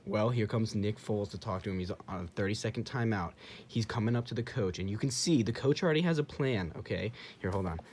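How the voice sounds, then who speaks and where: A young man casually commenting over game footage as a channel host, excitable, repeating himself and acting out what the people on screen might be saying. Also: on the low side, fast, slight background noise. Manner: excitable, repeats himself, acts out quoted dialogue.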